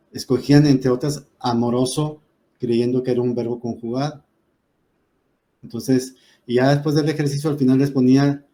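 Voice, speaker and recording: Profesor de voz oscura explicando gramática. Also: male voice, mid-range voice, mellow. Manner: explains with examples, many "este" fillers. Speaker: teacher. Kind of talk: class lecture.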